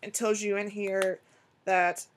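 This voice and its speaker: A young woman chatting casually in a rambling, excitable way as she shows off her shopping haul to the camera. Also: mid-range voice, slow pace, a little hiss or hum. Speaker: vlogger. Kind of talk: casual haul video chat.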